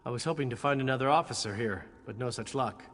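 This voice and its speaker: Voicing a jaded yet charming knight and male adventurer in a video game, a man sounds cocky, sardonic, flippant, teasing and wry. His medium-pitched, quick delivery stays close to an everyday voice, with slight background noise, long hall reverb and music behind him.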